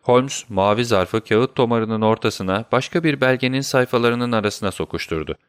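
A man reading an audiobook in steady, measured scripted narration on a close microphone. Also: mid-range voice, clean tone, no room sound.

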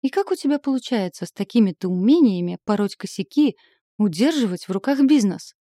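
A woman's voice: mid-range voice, animated, brisk, mellow, no echo, clean studio sound, lightly acted. Woman doing a tearful reproachful friend. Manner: sobbing, reproachful.

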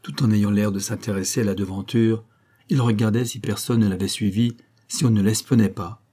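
Low husky male audiobook narrator. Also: fairly even intonation, brisk, warm tone. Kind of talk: audiobook reading of a detective novel.

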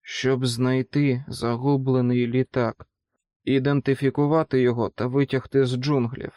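A man voicing an exhausted male expedition leader who talks slowly, strained and worn out. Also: mid-range voice, level tone, dark tone, dry recording, lightly acted. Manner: slow, strained, worn-out speech.

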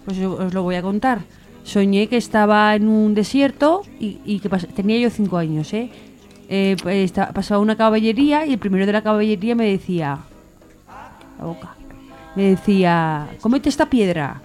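A woman in her thirties telling a childhood dream in a lively, casual way, laughing and acting out the dialogue. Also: mid-range voice, moderate pace, soft background music. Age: 30s. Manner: animated, laughing, acts out dialogue. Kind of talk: casual storytelling.

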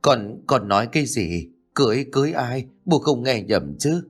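A man's voice: medium pitch, lively intonation, moderate pace, faint music behind. A man voicing a poor elderly village mother, tearful and trembling as she pleads and scolds. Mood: stunned.

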